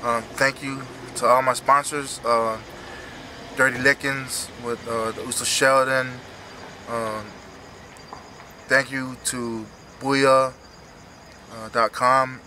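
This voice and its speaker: A man in his thirties speaking emotionally and haltingly in an earnest, unscripted post-fight interview as a retiring fighter. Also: mid-range voice, little pitch movement, background noise. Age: 30s. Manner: halting, earnest, repeats himself.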